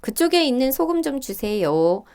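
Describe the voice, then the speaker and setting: A middle-aged woman teaching Korean, working through reading test questions and reading the example dialogues aloud in a higher, livelier voice. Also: very animated, normal speed, a little mellow. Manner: thinks aloud with fillers and small laughs.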